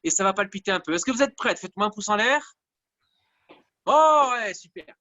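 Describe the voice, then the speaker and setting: A man's voice: sits high, expressive, moderate pace, sharp tone, lo-fi sound. A man coaching a live online workout class, counting down reps and cheering people on. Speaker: fitness coach.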